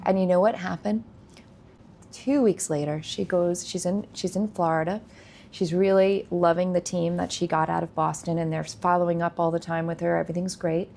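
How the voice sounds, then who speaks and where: Woman telling a story on a podcast, kinda gravelly, animated, bit of hiss behind. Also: on the low side, normal speed. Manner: animated storyteller, acts out quoted speech. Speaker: guest, nursing company founder. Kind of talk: storytelling in a casual interview.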